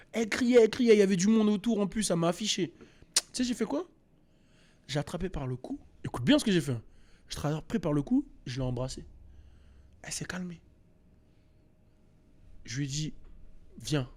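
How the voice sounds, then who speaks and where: A high-pitched male host shares a personal story in a relaxed, lively, slang-filled style, frequently restarting and repeating himself.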